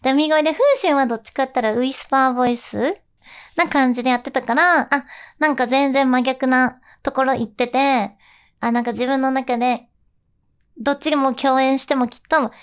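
Woman host, voice actress; high voice, casual, giggly chat. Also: moderate pace, clear, resonant tone. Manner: chatty and giggly, sliding between polite and casual talk. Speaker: voice actress hosting a show.

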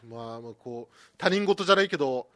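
A man co-hosting a casual radio chat, animated and full of fillers and laughs. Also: medium pitch, fast talker. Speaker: radio show co-host.

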